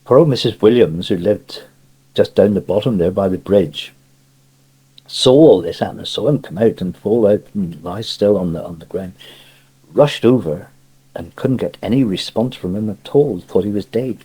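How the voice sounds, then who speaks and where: Heard on a worn cassette, this older man from Cornwall tells a meandering local anecdote in his dialect, laughing softly along the way. He speaks at a normal speed with a warm, husky, lowish voice, and the audio is rough.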